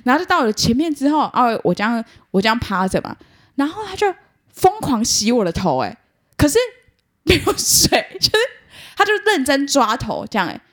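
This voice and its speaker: A woman tells a story on a podcast in rapid, tumbling sentences. Her voice sits a little high and leaps around expressively, and she acts out the other person's lines with laughter. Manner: animated, acts out both sides of dialogue with laughter. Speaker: podcast co-host. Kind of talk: casual storytelling chat.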